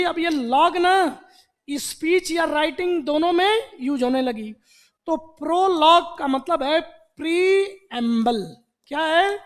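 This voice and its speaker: A man teaching an online vocabulary lesson in Hindi, explaining word roots with animated repetition and rhetorical questions. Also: very high-pitched. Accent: Indian Hindi.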